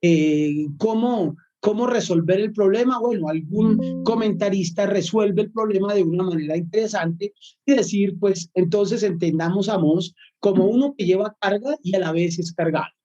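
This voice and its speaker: Male professor, mellow tone, hesitant lecturing style, muffled recording. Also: high-pitched, normal speed. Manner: thoughtful, many hesitations and fillers. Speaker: Bible course professor.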